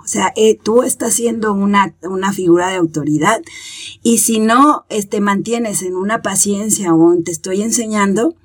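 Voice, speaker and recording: A woman's voice: medium pitch, breathy edge. A woman, a parenting expert explaining her ideas in a podcast conversation and acting out examples in quoted voices.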